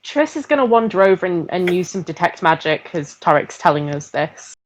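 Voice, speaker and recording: A woman's voice: fairly low pitch, big pitch swings, brisk, poor audio. A woman playing a tabletop game, speaking casually and offhand, partly in character. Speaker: player. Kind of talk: tabletop play.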